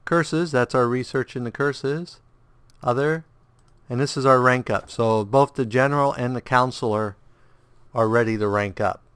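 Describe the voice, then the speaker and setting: The voice is a man's, mid-range, clear and resonant, at normal speed with no echo. As a let's play host, he casually remarks on his game despite a stuffed-up nose and slightly sore throat, humming idly through menus and rambling in a relaxed, thinking-aloud way.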